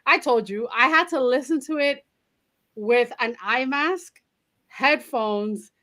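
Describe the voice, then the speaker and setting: A woman from New York co-hosting a podcast in casual chat, animated, blunt and playful. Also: high-pitched, takes it slowly. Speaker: podcast co-host.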